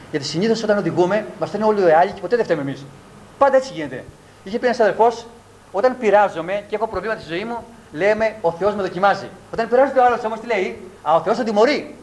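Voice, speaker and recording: Higher-voiced man preaching slowly with emphasis. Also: a little hiss or hum, rough recording. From Greece. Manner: slow, emphatic, repeats key words with falling pitch. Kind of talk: sermon with closing prayer. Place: church hall.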